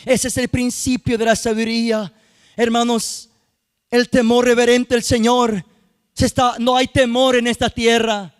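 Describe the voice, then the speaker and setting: A man's voice: very high-pitched, flat delivery, unhurried, smooth. A man preaching a sermon as youth minister, repeating phrases and addressing the congregation as brothers and sisters, sometimes lilting into a sung cadence. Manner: repetitive preaching with frequent "hermanos y hermanas" and sung-out phrases. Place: church sanctuary.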